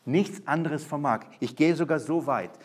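A man preaching a sermon, emphatic, with loud and quiet swings and repetitive rhetorical buildup. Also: a little high, normal speed.

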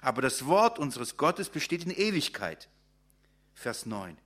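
A man preaching a sermon, expounding scripture, asking the congregation questions and drawing out key words slowly for emphasis. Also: fairly high pitch, sing-song, fairly bright tone.

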